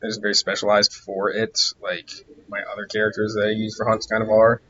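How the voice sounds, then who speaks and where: A man streaming a game, rambling distractedly through casual commentary while he grows hoarse and loses his voice. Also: on the low side, completely flat delivery, fairly quick, sharp tone, highs cut off, a little hiss or hum. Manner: rambling, distracted, musing aloud.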